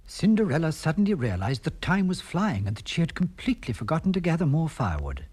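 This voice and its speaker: A man narrating a fairy tale on a vintage storybook record, with warm, expressive delivery. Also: a little high, quick pace, husky.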